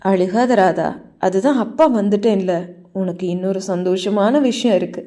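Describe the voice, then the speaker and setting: Woman putting on a gentle, doting old father. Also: medium pitch, normal speed, pitched below the performer's own voice, lightly acted. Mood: tender. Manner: soothing, comforting.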